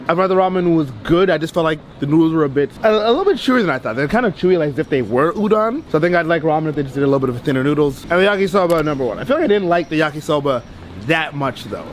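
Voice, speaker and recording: A man's voice: fairly high pitch, expressive, very fast, a little hiss or hum. A man hosting a travel vlog, chatting casually and joking with a friend while out on a mountain trail and city streets. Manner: joking, chatty, filler-heavy. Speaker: travel vlogger. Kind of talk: casual on-camera chat. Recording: background music over the voice.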